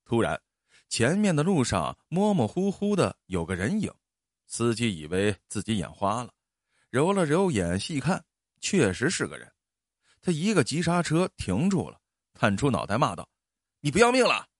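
A male storyteller reads a tale with expressive delivery, his pitch rising and falling a lot. His voice sits in a middle register. The recording is dry and close. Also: normal speed, no room sound. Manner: expressive, animated reading. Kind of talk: storytelling narration.

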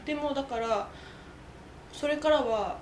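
A woman co-hosts a relaxed chat, her voice sitting a little high for a woman. The room around her rings, and a steady background noise runs under her talk. She talks easily and nods along with short replies. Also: measured pace. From Japan. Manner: relaxed, agreeable, lots of short backchannel nods. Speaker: podcast co-host. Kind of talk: casual chat. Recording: roomy, with noticeable background noise.

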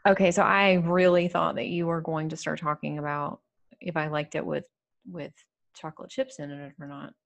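A woman's voice: deep voice, flat delivery, normal speed, gravelly, muffled recording. A woman co-hosting a podcast in casual chat, playfully indignant and thinking aloud with many fillers. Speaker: podcast co-host.

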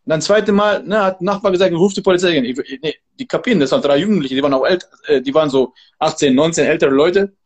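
A man's voice: a little high, fast, hardly any pauses. A man, a martial arts trainer and guest, talking casually in an interview in an emphatic, motivational way.

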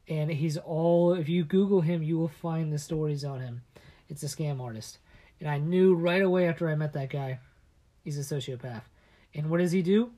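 A man co-hosting a casual chat podcast, telling stories in a halting way full of restarts and often dropping his voice low and conspiratorial. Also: dark tone. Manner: halting storyteller with many restarts. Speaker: podcast co-host.

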